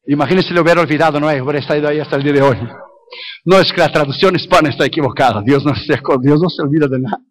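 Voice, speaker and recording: A male evangelist preaching a sermon with emphatic repetition, dropping in English phrases. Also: on the high side.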